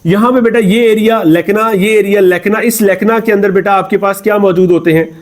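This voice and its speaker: A man's voice: sits high, steady tone, normal speed. A man with a Pakistani Urdu accent teaching a biology lesson. He keeps asking the class questions, answers them himself, calls students "son" and repeats key terms in English. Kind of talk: classroom lecture.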